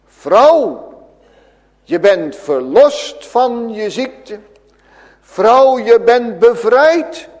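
A man voicing Jesus as a calm, authoritative healer, making solemn, emphatic declarations in a church. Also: high voice. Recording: echoey church hall.

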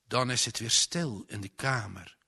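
A man reading a rural drama aloud in a solemn, expressive way. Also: medium pitch, unhurried, creaky, husky. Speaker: narrator.

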